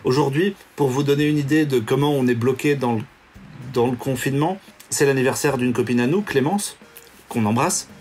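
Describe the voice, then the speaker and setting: A man's voice: medium pitch, normal speed, a little mellow, slight background noise. Man co-hosting, explaining at length. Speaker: podcast co-host. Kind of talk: casual chat.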